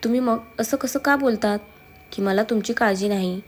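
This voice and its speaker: A woman's voice: a little high, normal speed, natural voice. A woman voicing a pleading, pouty young wife with a childlike manner. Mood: hurt.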